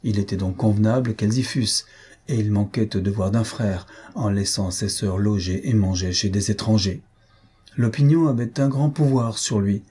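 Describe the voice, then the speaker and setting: A man narrates a classic novel at a measured, even pace. His voice is low, mellow and husky, with a breathy grain. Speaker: audiobook narrator.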